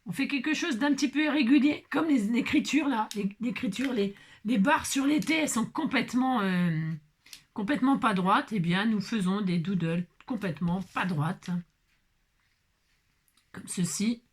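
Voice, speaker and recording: A woman's voice: a little high, moderate pace, slightly rough. A woman crafter chatting casually through a card-making tutorial, playful and self-mocking, humming to herself as she works.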